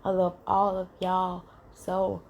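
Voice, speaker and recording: A woman hosting her own channel, chatting casually and sleepily to her viewers in a relaxed, rambling, affectionate way. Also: fairly low pitch, slow pace, slight background noise. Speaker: channel host. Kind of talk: casual morning chat to viewers.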